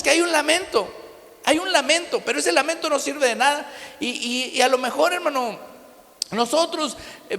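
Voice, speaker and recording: A man's voice: extremely high pitch, creaky, fairly bright tone. A man with a Mexican Spanish accent preaching a sermon in a church, often calling listeners "brother" and restarting his sentences with tag questions. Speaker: pastor. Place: church hall. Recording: long church-hall reverb.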